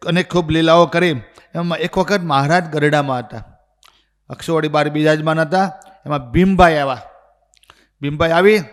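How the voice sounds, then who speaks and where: A man with a Gujarati accent, telling religious stories as a sermon and acting out the dialogue with energy. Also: fairly high pitch. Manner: animated storyteller acting out dialogue. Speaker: swami giving a religious discourse. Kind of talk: storytelling sermon. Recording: long hall reverb.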